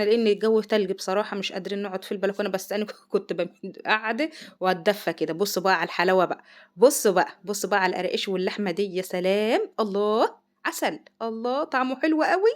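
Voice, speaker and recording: Fast-talking Egyptian woman vlogger. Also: mid-range voice. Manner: chatty, rapid, exclaiming over food. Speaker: vlogger, mother. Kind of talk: casual cooking vlog chat. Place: home kitchen.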